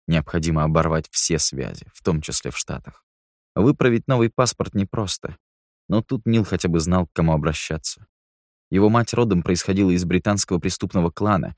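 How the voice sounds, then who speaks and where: A man narrating an audiobook in a steady, measured reading voice. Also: sits low, no room sound, studio quality.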